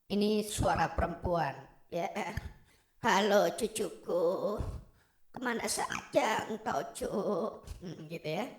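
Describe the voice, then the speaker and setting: A man teasingly testing a pitch-shifting effect that makes him sound like a woman. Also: takes it slowly. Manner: mock-feminine, teasing. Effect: pitch-shifted up to sound female. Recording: roomy added echo.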